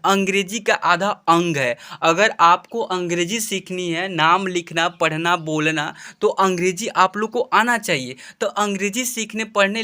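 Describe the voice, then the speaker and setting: A man teaching a spoken lesson, slowly drawing out spelling drills and repeating his explanations. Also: high voice, sharp tone. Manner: slow drawn-out spelling drills, repetitive explanations.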